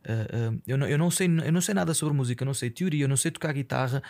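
A man's voice: medium pitch, rapid-fire, a little mellow. A young man with a European Portuguese accent talks into a close microphone in a casual solo podcast, rambling, swearing often and mixing in English fillers. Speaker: podcast host.

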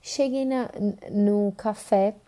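Young Brazilian woman telling her own story to podcast listeners; conversational and full of fillers, with a very dark, mellow tone. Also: medium pitch, fairly even intonation, takes it slowly. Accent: Brazilian Portuguese. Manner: conversational retelling with many fillers.

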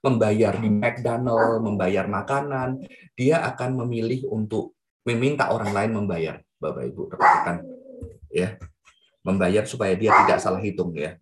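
Man, evangelist preacher, animated sermon storytelling, addresses the congregation. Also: normal speed. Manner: lively pitch swings, drops to soft quiet tones when quoting.

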